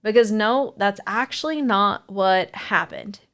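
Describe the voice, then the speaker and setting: Frank, animated woman coach. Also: mid-range voice, unhurried. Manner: frank and animated, many fillers like "like". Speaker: marriage coach, co-host. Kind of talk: casual chat about marriage.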